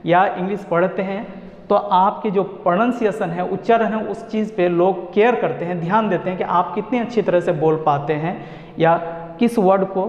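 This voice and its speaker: A man with a high voice gives an online pronunciation lesson, going over each rule slowly and repeating it. The sound is dull and lo-fi. It rings with a long echo, as if he is in a big bare room. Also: a little mellow. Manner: slow and repetitive, explaining step by step. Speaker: English teacher.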